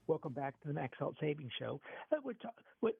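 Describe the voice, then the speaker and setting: A man's voice: fairly high pitch, sing-song, a little fast, vocal fry, over music. A man hosting a financial radio show, talking about the markets with many stammered restarts, taped off the radio. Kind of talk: call-in radio talk on markets. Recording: tinny lo-fi radio recording, dry.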